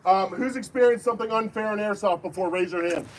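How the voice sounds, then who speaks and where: High-voiced man addressing a crowd outdoors, firm and commanding, heard from a distance with faint noise. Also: fast. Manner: firm, call-and-response, commanding. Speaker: airsoft event briefing leader. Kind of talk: safety briefing to a crowd. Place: outdoor airsoft field.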